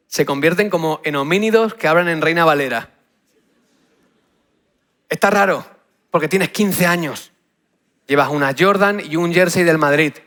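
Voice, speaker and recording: A man with a Spain Spanish accent giving an energetic youth talk, punchy and often checking in with the crowd. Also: a little high. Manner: punchy, asks the crowd "¿sí?" over and over. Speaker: youth speaker.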